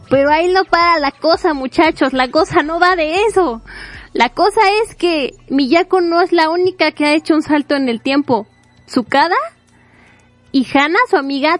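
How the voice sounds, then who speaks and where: Woman, high voice, animated manga recap, faint music underneath. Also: dry recording. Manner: animated, chatty, laughs often, acts out characters' lines. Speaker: manga reviewer. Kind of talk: casual retelling of a manga plot.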